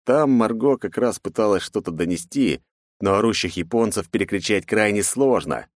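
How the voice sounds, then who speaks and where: A man's voice: animated, normal speed, no echo, clean studio sound. A man narrating a first-person action novel and acting out the dialogue. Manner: voices characters with raised pitch and force. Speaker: audiobook narrator.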